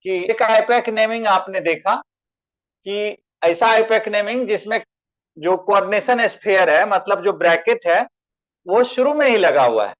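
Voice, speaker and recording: In this online chemistry lecture, the male teacher has a high, fairly bright voice, though the recording's highs are cut off. He speaks to students by name, calling them "beta" and putting questions to them.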